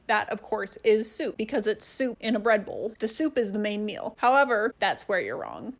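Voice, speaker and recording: A woman with a mid-pitched voice hosts a comedic rant. She speaks with mock authority, ranting emphatically and making theatrical, deliberate declarations. Rhetorical questions set up her verdicts. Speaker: host. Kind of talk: scripted comedic rant to camera.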